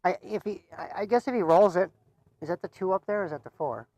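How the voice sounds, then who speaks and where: A man's voice: sits high, fast talker, darkish tone, no room sound. A man giving casual live commentary on a pool match. He chats, laughs often, and stumbles over repeated words.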